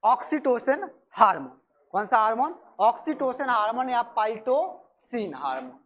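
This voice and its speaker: High-voiced woman teacher drilling a class. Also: sing-song. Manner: drills by asking questions and answering them herself; repeats key terms, brisk and chatty with students. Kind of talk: classroom lecture for exam prep. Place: classroom with students.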